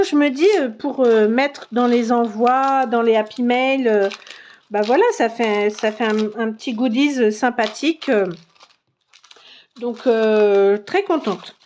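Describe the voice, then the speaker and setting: A woman vlogger chatting casually through a scrapbooking paper haul, with many fillers and pauses as she browses. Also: a little high, darkish tone, a little hiss or hum. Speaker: craft vlogger showing a haul. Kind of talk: casual show-and-tell.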